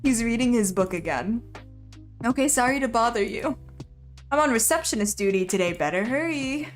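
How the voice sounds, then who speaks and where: A woman's voice: a little high, lively intonation, moderate pace, soft background music. A young woman streaming a visual novel, playfully reading its narration and lines aloud. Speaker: game streamer.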